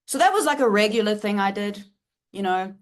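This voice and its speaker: A woman's voice: mid-range voice, lively intonation, fairly quick. A woman, telling a candid storytime vlog and swearing freely. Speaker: vlogger.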